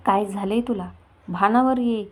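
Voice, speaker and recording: A woman reads out a stern young man in a storybook, urgently scolding a friend to come to his senses. The voice sits at a middle pitch. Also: unhurried, close to an everyday voice.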